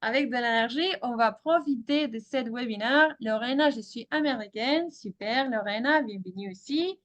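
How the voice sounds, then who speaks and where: A woman's voice: on the high side, normal speed, fairly bright tone. A woman with a French accent teaching an online class, switching between French and English and often repeating her words. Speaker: French teacher hosting a webinar.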